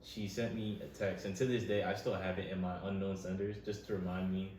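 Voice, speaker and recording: Young man, podcast co-host, low voice, laid-back storytelling, echoey room, distant mic. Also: level tone, brisk, darkish tone, a little hiss or hum. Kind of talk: casual chat.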